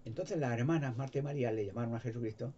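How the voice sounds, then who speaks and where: A lay preacher with a Spain Spanish accent retells Bible stories informally, rambling, repeating himself, and stammering into restarts. His mid-range voice is dark and rapid-fire, and the recording is slightly dull with faint background noise.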